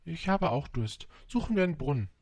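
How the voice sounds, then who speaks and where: A man voicing a gentle, earnest little boy prince in an audiobook, speaking in a slightly raised voice. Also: a little high, sing-song, brisk, breathy edge, no room sound, pitched above the performer's own voice, heavily acted. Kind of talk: audiobook reading.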